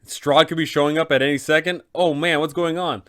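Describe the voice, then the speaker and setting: This game master hosts a laid-back how-to guide for other tabletop GMs, his voice slightly high and fairly bright. He keeps a brisk pace and mostly even intonation, chatting conversationally and posing rhetorical questions as he advises.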